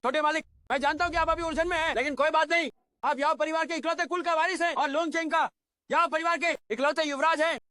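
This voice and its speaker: An actor playing a loyal old family servant who has found his lost young master, hurried and deferential. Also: very high voice, steady tone, sharp tone, no echo, clean studio sound. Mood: urgent devoted. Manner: hurried, deferential, commanding to underlings. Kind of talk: dubbed short drama.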